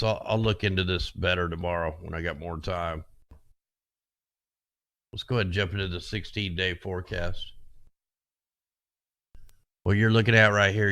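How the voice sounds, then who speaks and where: A man's voice: low voice, normal speed, pauses often, pushed and bright, no room sound. A man casually talking through weather maps as host, rambling and conspiratorial, with his voice getting worn. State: losing his voice. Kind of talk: casual screen-share commentary.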